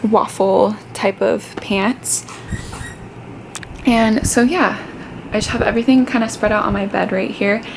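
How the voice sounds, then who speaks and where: A woman's voice: medium pitch, steady tone, a little slow, creaky, long pauses, a little hiss or hum, low-quality recording. A woman chatting casually and informally to her viewers as a vlogger. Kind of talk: casual vlog chat to viewers.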